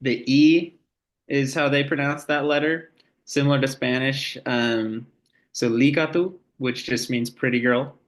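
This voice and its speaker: Male co-host, slow and easygoing, plenty of ums. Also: medium pitch, fairly even intonation. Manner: unhurried, hesitant, many fillers. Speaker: language teacher. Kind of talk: casual lesson.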